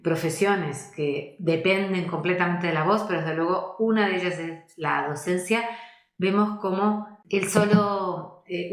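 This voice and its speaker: A woman voice coach, teaching in a thoughtful way, often pausing to search for words and inviting the listener to reflect. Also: on the low side, a bit bright. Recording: echoey room.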